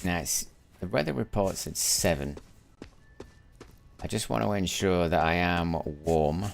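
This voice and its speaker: A gaming streamer with a low, creaky voice speaks at a measured pace during casual live commentary, sounding tired after a sleepless night that has deepened his voice. He muses aloud chattily and often repeats words when restarting.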